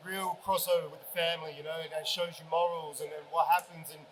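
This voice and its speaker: A man's voice: fairly high pitch, flat delivery, fast, slight background noise, low-quality recording. A man on a convention panel giving rambling answers full of restarts.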